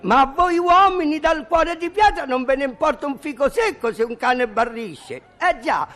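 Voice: high-pitched, expressive, moderate pace, a bit bright. A comic actor playing a cheeky young boy protester who speechifies with mock earnestness. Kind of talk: TV sketch comedy acting.

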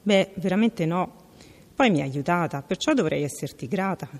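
A woman voicing a spoiled, bossy young princess who exclaims in a shrill voice, in a reverberant room. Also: lively intonation, moderate pace. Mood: grudging.

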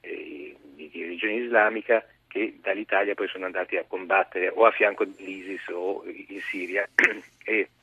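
Low husky man over the phone. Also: fairly even intonation, bright, forceful tone, no room sound. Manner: measured, explanatory. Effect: heard over the phone. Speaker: magazine deputy editor, guest journalist. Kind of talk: phone-in news briefing. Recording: dry tinny phone line.

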